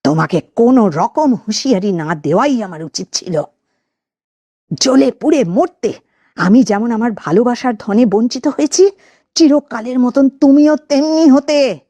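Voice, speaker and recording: A cold, hissing female ghost, bitter and vengeful over a lover who jilted her, as a woman narrator puts her on. She talks slowly with a warm, low-lit tone and swings her pitch widely between whispers and cries, in a dry, close storybook recording. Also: animated, no echo. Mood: hissing threat.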